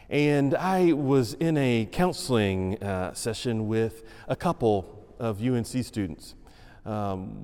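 Slow, lively-pitched preaching man. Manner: measured, emphatic preaching. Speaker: senior pastor. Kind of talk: sermon. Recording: long reverb of a large room.

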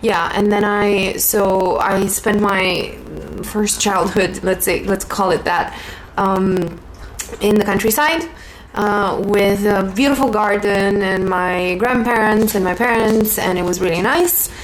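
Actress in her 30s, reflective and good-humored, mid-pitched, faint background hiss. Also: takes it slowly, rough recording. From Romania. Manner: thoughtful, laughs easily. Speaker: guest, theater actor. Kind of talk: casual interview chat. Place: rental apartment.

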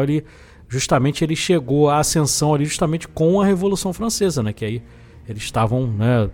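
With background music and a little hiss or hum in the recording, a Brazilian-accented podcast host discusses films in a relaxed, colloquial way. His mid-range voice is a little mellow as he explains and offers strong opinions.

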